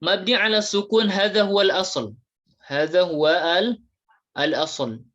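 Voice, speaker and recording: A teacher giving an Arabic grammar lesson, slowly drilling word forms one by one with many repetitions. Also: mid-range voice, a bit bright, dull audio. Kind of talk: classroom lesson.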